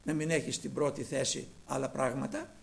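A man preaching a sermon, retelling scripture dramatically and swinging between loud and hushed delivery. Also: medium pitch, steady tone, gravelly.

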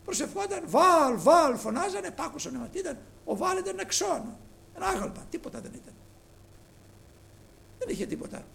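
A man preaching a sermon, telling scripture stories with passion, swinging from loud declamation to hushed reverence. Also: extremely high pitch, big pitch swings, gravelly, pauses often, slight background noise. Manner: impassioned, dramatic storytelling with swings from loud to hushed.

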